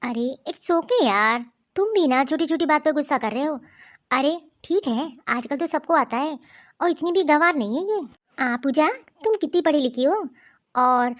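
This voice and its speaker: A woman voicing a modern, pushy young city woman in an animated cartoon, speaking breezily and dropping English words. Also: sits high. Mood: patronizing.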